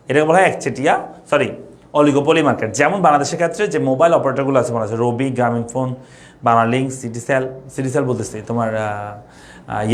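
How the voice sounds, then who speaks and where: A young man from Bangladesh teaching an economics class online, repeating points and asking students questions. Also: fairly high pitch. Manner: repetitive, asks students questions.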